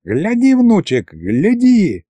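A sly, boastful old grandfather, as a male narrator puts him on, drawling his words with a teasing lilt. The voice is mellow and dry, rising and falling a lot. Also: mid-range voice, big pitch swings, a little slow, no echo. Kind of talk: audiobook character voice.

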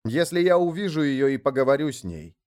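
A man's voice: mid-range voice, very animated, fairly quick, a little mellow, clean tone, pitched above the performer's own voice, natural voice. A man voicing a stubborn, humble male shaman who chants in a ringing voice in a storybook reading.

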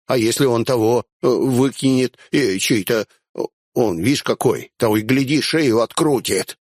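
A man voicing a dim-witted male bandit sidekick who grumbles slowly and hesitantly with filler sounds. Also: medium pitch, a little mellow, dry recording, studio quality, close to an everyday voice. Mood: worried grumbling.

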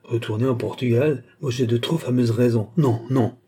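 A man's voice: medium pitch, fairly even intonation, moderate pace, warm tone, husky, lightly acted. A man voicing a proud impostor ambassador who is dignified but easily alarmed. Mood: agitated. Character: proud, nervous male impostor posing as an ambassador.

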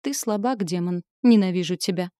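A woman reading the part of a quick-tempered young half-demon woman, talking in a heated, snappish way. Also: on the low side, dark tone, dry recording, clean studio sound, lightly acted. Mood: taunting.

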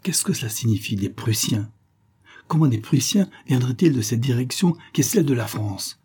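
A man reading an audiobook, voicing a furious aging emperor who shouts insults in a rough, raucous voice. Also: medium pitch, expressive, moderate pace. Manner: shouting insults in a rising fury. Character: furious aging male emperor, harsh and scornful. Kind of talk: audiobook character voice.

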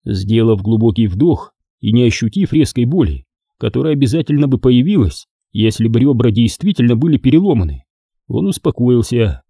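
Dark-voiced male audiobook narrator. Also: medium pitch, normal speed, dry recording, studio quality. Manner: expressive, lively storytelling.

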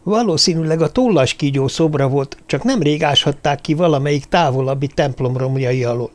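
A man narrating a novel as an audiobook, reading in a steady, measured way. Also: fairly high pitch. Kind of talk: scripted narration.

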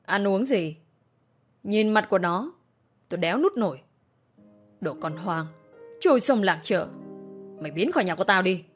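A venomous middle-aged mother snaps insults in a harsh, cursing voice, as a woman storyteller puts her on. She sounds scornful and mean through and through. The voice sits at an ordinary middle pitch. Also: expressive, normal speed, pauses often, soft background music, natural voice. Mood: abusive. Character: vulgar, spiteful middle-aged mother, abusive.

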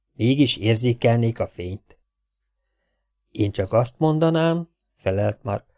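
Male audiobook reader, low mellow voice, dry close sound, lifts pitch for dialogue. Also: dry recording. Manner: reads dialogue with lifted pitch, drops for narration tags. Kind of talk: scripted narration.

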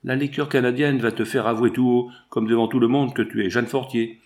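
A man's voice: medium pitch, steady tone, brisk, a little mellow, close to an everyday voice. A man voicing a scheming male villain who taunts and gloats in a read-aloud novel. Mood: gloating.

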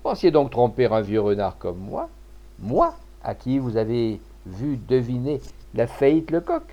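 A man voicing a shrewd old cloth merchant who talks loudly and emphatically, in an audiobook. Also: medium pitch, big pitch swings, measured pace, muffled recording. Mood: gruff. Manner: loud, blustering and emphatic. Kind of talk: audiobook character voice.

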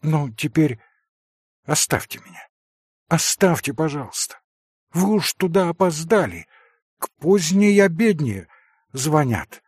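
A man's voice: a little high, very animated, unhurried, long pauses, husky, no echo, studio quality, pitched above the performer's own voice, heavily acted. A man voicing an anguished proud young woman. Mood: weary. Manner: intense, breaking into sudden outbursts. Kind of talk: audiobook character reading.

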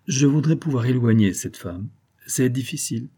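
A man's voice: medium pitch, lively intonation, moderate pace, dark tone, slightly rough. A man reading an audiobook and voicing a worried aristocratic father, a viscount who asks abrupt, probing questions.

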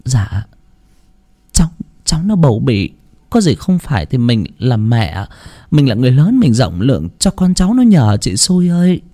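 A storyteller voicing a humble older countrywoman who pleads softly and stammers. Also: mid-range voice, very animated, normal speed. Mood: meek.

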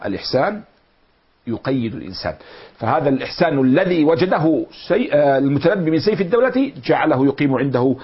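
A middle-aged man teaching a lecture on classical poetry, explaining slowly and repeating and glossing words. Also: on the high side, sing-song, slightly rough. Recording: dull lo-fi recording.

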